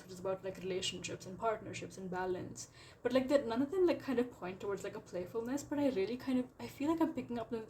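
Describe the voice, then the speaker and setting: A woman's voice: mid-range voice, darkish tone, a little hiss or hum. A woman giving a casual tarot reading, talking in a rambling, chatty way packed with filler words. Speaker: tarot reader.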